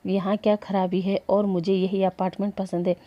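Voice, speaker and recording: A woman's voice: mid-range voice, little pitch movement, a little fast, no echo, highs cut off, close to an everyday voice. A woman voicing a shy, easily flustered young man in a story she narrates. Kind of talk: storytelling voice acting.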